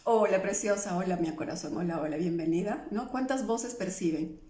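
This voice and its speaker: A woman's voice: fairly low pitch, normal speed, dark tone. A woman talking live as an emotional healing coach, checking in with her listeners through constant questions. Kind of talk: live stream talk to viewers. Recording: echoey room.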